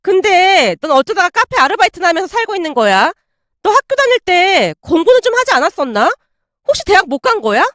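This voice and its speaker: A woman's voice: extremely high pitch, lively intonation, fairly quick, a bit bright, dry recording, studio quality, pitched above the performer's own voice. A woman voicing an arrogant, spoiled young woman who mocks and bosses an old classmate in a storybook drama. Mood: sneering. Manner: mocking, condescending, bossy.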